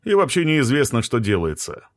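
A man's voice: mid-range voice, huge pitch swings, normal speed, no room sound, clean studio sound. A man voicing a curt, cautious young male expedition leader in a clipped manner.

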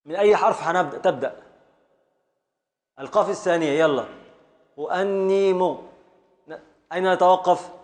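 A man's voice: high-pitched, fast talker, long pauses. A man with an Egyptian accent teaching a classroom lesson, patiently drilling students by repeating and counting along. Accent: Egyptian Arabic. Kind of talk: classroom lesson on Arabic prosody.

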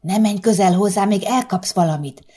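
A woman's voice: mid-range voice, dark tone, husky, voice pushed up, lightly acted. A woman voicing a vain, snobbish older grandmother who talks down to those around her. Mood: dismissive. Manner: hissing, dismissive.

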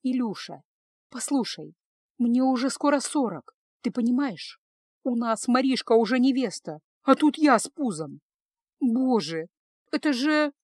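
A woman's voice: fairly high pitch, animated, a little slow, a little mellow, slightly rough, no echo, studio quality. A woman voicing an anxious, tearful wife in her late thirties, pleading and tense in an audiobook. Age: 30s. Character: anxious woman near forty, tearful and fearful. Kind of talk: audiobook character voice.

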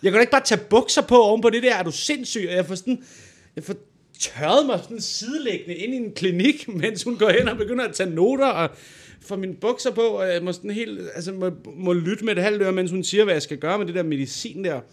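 A man co-hosting a podcast, casually telling a personal story and acting out the people in it. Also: high-pitched. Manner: animated storyteller, acts out quoted voices. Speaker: podcast co-host.

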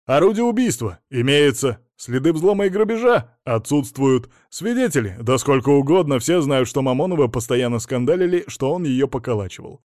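A man's voice: mid-range voice, animated, normal speed, hardly any pauses, a little mellow, no room sound, clean studio sound, lightly acted. A man voicing a stern middle-aged male police chief who lectures and scolds his subordinate in an audiobook. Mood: sarcastic.

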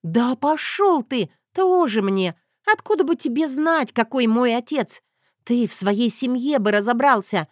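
A woman's voice: on the high side, lively intonation, no echo, studio quality, pitched above the performer's own voice. A woman voicing a sassy, defiant young wife who keeps snapping back, in an audiobook. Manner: sassy, quick to snap back.

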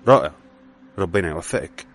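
Man reading as a calm, wry young man. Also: low voice, brisk, creaky, soft background music, exaggerated voice. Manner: calm, dry humor. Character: calm young unemployed male engineer.

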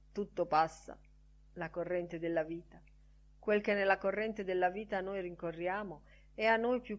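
A woman reading a literary audiobook aloud in a musing, expressive way. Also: lowish voice, muffled recording. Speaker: audiobook reader.

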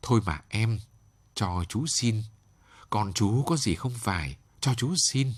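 Man playing a poor old man, humble, gentle, pleading, husky, storybook. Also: fairly low pitch, expressive, slow pace, no echo.

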